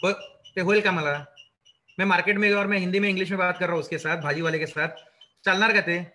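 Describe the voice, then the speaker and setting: Bright high-voiced man lecturing students. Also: fast talker. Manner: lively, rhetorical questions, mixes English into Hindi. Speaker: career trainer.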